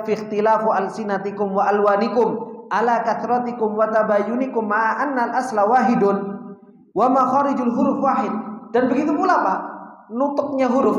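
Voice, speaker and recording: Man, Javanese accent, Quran commentary lesson, rhetorical questions, long echoing reverb. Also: high voice. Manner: keeps asking rhetorical questions, rising sharply on them; addresses listeners as "Pak", mixes in Arabic recitation. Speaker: Islamic teacher. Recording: very echoey hall with long reverb.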